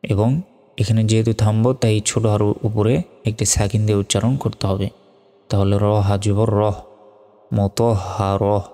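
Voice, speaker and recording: A man teaching Quran reading, spelling out syllables slowly and then reciting them in a melodic chant. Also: lowish voice, little pitch movement, mellow. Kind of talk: letter-by-letter recitation lesson. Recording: long reverb hall with faint music.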